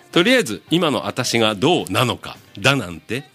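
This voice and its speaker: A man's voice: mid-range voice, very animated, moderate pace, bright, forceful tone, husky, faint music behind. A man in his fifties hosting a radio show, reading listener mail in a casual, teasing way and laughing often. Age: 50s. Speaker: radio host.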